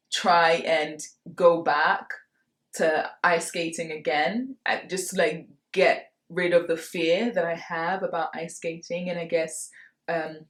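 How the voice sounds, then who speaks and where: A woman in her late twenties from Nigeria, chatting casually through a Q&A for her vlog and laughing between answers. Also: fairly low pitch. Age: 20s. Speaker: vlogger. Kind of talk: casual Q&A chat to camera. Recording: roomy echo.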